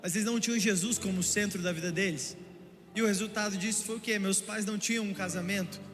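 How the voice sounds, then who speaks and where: A young man from Brazil preaching a sermon, telling stories in an animated way and joking with his congregation. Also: high voice, quick pace. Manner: animated storytelling, playful asides to the congregation. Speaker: pastor. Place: church auditorium. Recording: echoey church hall with music. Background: music underneath.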